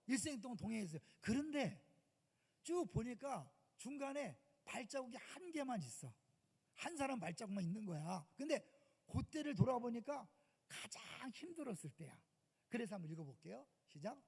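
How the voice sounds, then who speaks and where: A male senior pastor preaching a sermon with emphatic swings from loud outbursts to hushed asides, heard in a church sanctuary. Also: very high-pitched, sing-song, moderate pace, creaky, husky. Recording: long church reverb.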